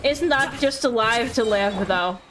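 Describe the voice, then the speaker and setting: Over game music, a woman with a slightly high, somewhat slow voice livestreams a game. She chats casually and playfully, rambling to her viewers and to herself.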